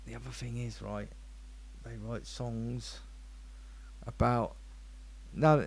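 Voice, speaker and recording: A man's voice: medium pitch, takes it slowly, gravelly, slightly rough. A man co-hosting a show, telling rambling, playful stories in casual chat. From England. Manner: rambling, animated, playful storyteller. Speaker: radio show co-host.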